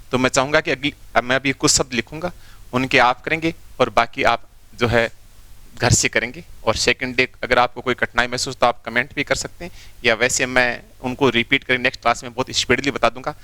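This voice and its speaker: A male teacher giving an online exam-prep lesson, repeating key points and slowly breaking words into their separate sounds. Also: mid-range voice, bright, forceful tone, no echo. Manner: slowly spells out sounds one by one.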